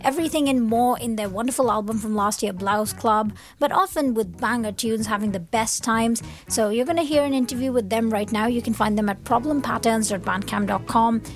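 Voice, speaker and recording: A woman's voice: a little high, fairly quick, few pauses. A woman presenting and interviewing in a casual way as a music radio host.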